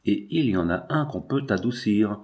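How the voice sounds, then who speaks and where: A man's voice: fairly low pitch, expressive, normal speed, darkish tone, lightly acted. A man reading the lines of an earnest fifteen-year-old girl who pleads and argues in grief, in a storybook reading. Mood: pleading.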